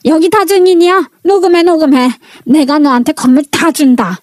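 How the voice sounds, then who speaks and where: A woman's voice: high-pitched, steady tone, moderate pace, darkish tone, no echo, studio quality, close to an everyday voice. A woman voicing a furious elderly mother-in-law who scolds bluntly and bosses everyone around.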